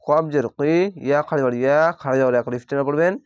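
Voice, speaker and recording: A man teaching Quran reading in Bengali, spelling out each letter and vowel mark before blending the full word, with calm step-by-step explanations. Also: medium pitch, fast talker, smooth, no room sound, studio quality. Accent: Bangladeshi Bengali. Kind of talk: slow spelled-out recitation lesson.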